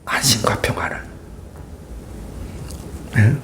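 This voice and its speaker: A man's voice: on the low side, animated, takes it slowly, a bit bright. A male pastor giving a conversational sermon, often asking his congregation for agreement as he goes. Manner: conversational preaching, keeps prompting the congregation for agreement. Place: church sanctuary. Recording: echoey church room.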